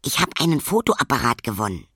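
A man reading a children's story aloud and voicing an eager, excitable little girl in a high, insistent voice. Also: brisk, slightly rough, no echo, clean studio sound, full character voice.

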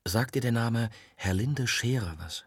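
A man's voice: medium pitch, unhurried, husky, no echo, clean studio sound. Man reading stubborn young woman reporter. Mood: pleading. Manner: insistent, pleading. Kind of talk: audiobook dialogue.

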